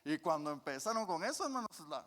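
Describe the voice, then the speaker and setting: A man's voice: fairly high pitch, big pitch swings, fast, fairly bright tone. A man preaching a folksy sermon, often calling his listeners brothers and asking them questions that he then answers himself. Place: church hall. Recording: long church reverb.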